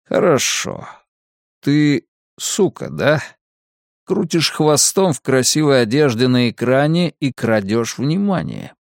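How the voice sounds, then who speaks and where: A man reading as a slow, taunting masked torturer. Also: medium pitch, very animated, gravelly, no room sound, clean studio sound, exaggerated voice. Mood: menacing. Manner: slow, drawn-out taunting delivery. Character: menacing masked male torturer, calm and mocking. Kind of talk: audiobook character reading.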